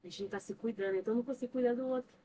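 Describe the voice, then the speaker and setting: A Brazilian woman speaks with a fairly high voice, pressing her points with rhetorical questions in a preacher-like cadence. She sits a little back from the mic, and a faint hiss runs under the recording. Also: fairly even intonation, very fast. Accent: Brazilian Portuguese. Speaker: podcast guest, church member and counselor. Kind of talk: earnest religious talk on emotional health. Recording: distant mic with faint noise.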